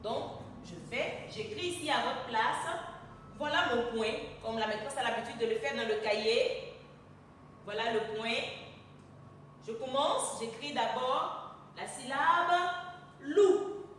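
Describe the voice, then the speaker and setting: Femme, maîtresse de maternelle, voix aiguë, débit lent, syllabe par syllabe, salle réverbérante, micro éloigné. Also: female voice, on the high side, measured pace, long pauses, a bit bright, a little hiss or hum. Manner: syllable-by-syllable, patient and drawn out. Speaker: kindergarten teacher. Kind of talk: slow reading lesson for young children. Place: classroom at a board. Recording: echoey room mic from far off.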